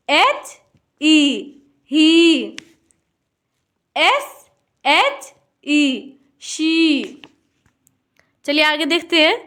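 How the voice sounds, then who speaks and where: A woman's voice: extremely high pitch, fairly bright tone. A woman teaching English reading, patiently spelling out each letter and then saying the whole word.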